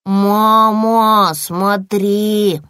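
A woman's voice: mid-range voice, steady tone, extremely slow, fairly bright tone, smooth, dry recording, studio quality. A woman voicing a young male polar bear cub in a children's story, earnest and childlike.

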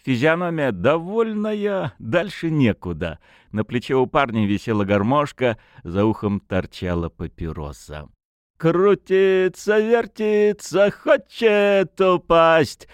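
Male storyteller, expressive audiobook narration, lively intonation, dry close sound. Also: lowish voice, no room sound.

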